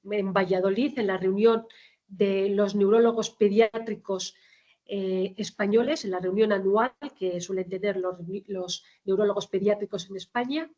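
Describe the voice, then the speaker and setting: Lady hosting a webinar, casual intro, middling pitch, bit muffled call sound. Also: steady tone, normal speed, warm tone. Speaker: host introducing the speakers. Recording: slightly dull online call audio.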